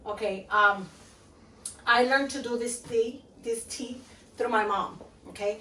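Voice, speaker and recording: A Guatemalan woman, perhaps in her thirties, chats casually in her home kitchen while demonstrating a recipe for her cooking vlog, rambling with many fillers and "okay?" check-ins. Her voice is a little high, slow, pushed and bright. The recording sounds roomy, with a distant mic and faint room noise.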